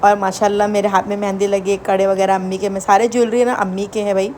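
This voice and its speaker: A woman's voice: medium pitch, level tone, quick pace, darkish tone, a little hiss or hum. A young woman chatting to viewers in a casual home vlog, recorded indoors. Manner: chatty, addresses viewers directly. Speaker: vlogger.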